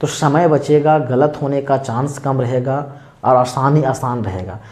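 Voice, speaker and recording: Mellow-voiced male maths teacher. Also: mid-range voice, steady tone, measured pace. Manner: explains step by step, asks and answers his own questions. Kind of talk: classroom lecture.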